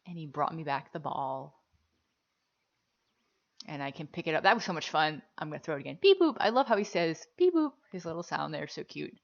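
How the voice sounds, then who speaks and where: A woman's voice: deep voice, lively intonation, brisk, vocal fry, lo-fi sound. A woman casually commenting as she shows a virtual reality game, chatty and upbeat with frequent fillers. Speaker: gameplay video host.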